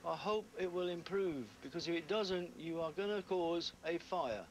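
A man's voice: on the high side, normal speed, slight background noise. A man as safety officer, stern and emphatic, briefing contractors in an indoor lounge meeting.

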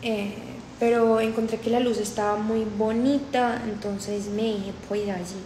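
Her mid-range voice is warm and fairly level, delivered at a measured pace: a Colombian woman in her twenties with a paisa accent hosting a casual phone livestream indoors. She reads comments aloud, repeats herself and mixes in English, phone held close. The low-quality recording is reverberant, with a little hiss or hum.

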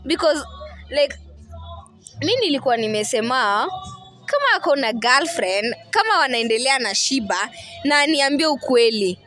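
Interviewee, woman in her 20s, Kenyan accent, high-pitched, insistent and defiant, handheld mic. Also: animated, normal speed, a bit bright, faint music behind. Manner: defiant, insistent, repeats herself. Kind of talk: emotional street interview.

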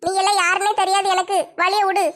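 A fretful young village woman, voiced by a woman. The voice is pitched way up, bright and thin, with almost no rise and fall. She talks in quick bursts, as in a comic skit. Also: level tone. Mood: sulking. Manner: rapid, bright, squeaky high voice. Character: young village woman, upset, fretting over marriage.

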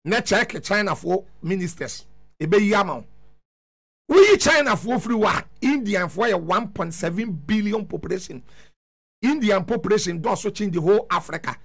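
High-pitched, gravelly, emphatic Ghanaian man. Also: lively intonation, moderate pace, a bit bright. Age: middle-aged. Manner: emphatic, repeats words for effect. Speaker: radio show guest. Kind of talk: animated political commentary. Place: small radio studio. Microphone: studio broadcast microphone.

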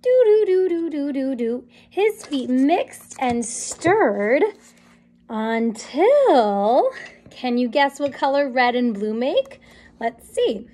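Warm and high-pitched with big swings in pitch, a woman in her thirties reads a picture book aloud to small children, taking it slowly. Recorded in a small classroom or playroom, she keeps things sing-song and encouraging, asking questions along the way.

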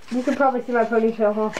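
A woman's voice: fairly high pitch, a little mellow, highs cut off, slight background noise. A woman vlogging at home, speaking through a costume head, chatty and giggly with her brother. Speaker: vlogger showing homemade costumes. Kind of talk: casual home video chat. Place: indoors at home. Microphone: camera set down nearby.

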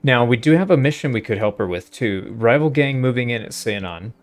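Hosting a gaming playthrough, a man offers casual commentary and thinks aloud in a laid-back way. His mid-range voice is expressive and brisk.

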